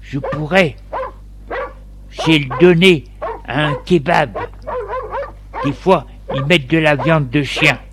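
A man's voice: on the high side, takes it slowly, long pauses. A man voicing a grumpy, worn-out husband in a read-aloud story, close to his own voice. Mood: sulky. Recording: steady background noise.

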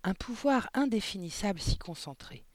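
A man reading a children's novel aloud as expressive audiobook narration. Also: sits high, normal speed, dry recording. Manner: expressive storytelling. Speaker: audiobook reader. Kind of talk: scripted narration.

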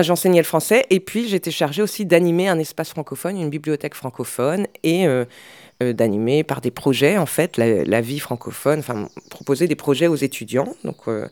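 A woman's voice: deep voice, no room sound, clean studio sound. A middle-aged woman speaking as an interview guest, in a hesitant way with frequent fillers and restarts. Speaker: guest, language specialist. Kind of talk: conversational interview.

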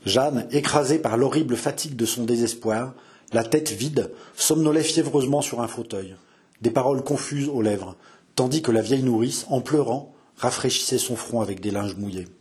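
A man reading a historical novel aloud in a measured, dramatic storytelling style. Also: medium pitch, a little mellow, husky. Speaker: audiobook reader. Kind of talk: scripted narration of a historical novel.

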